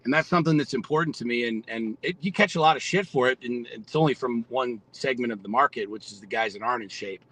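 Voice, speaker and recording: A man's voice: medium pitch, fast talker, hardly any pauses, a bit bright, poor audio. A man in his forties, a podcast guest, talking bluntly and with lots of profanity in a fired-up, motivational way. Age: 40s. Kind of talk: casual podcast conversation.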